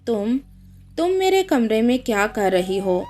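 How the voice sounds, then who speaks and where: A woman voicing a rude, sharp-tongued young wife in a read-aloud story, speaking curtly and mockingly. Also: fairly high pitch, big pitch swings, measured pace. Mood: snappish. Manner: curt and mocking.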